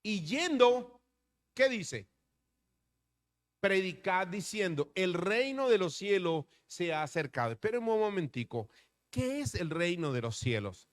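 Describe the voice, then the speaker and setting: A man's voice: sits high, sing-song, a little slow. A middle-aged man, a pastor preaching a sermon to his congregation. He asks the listeners questions and tells a personal story.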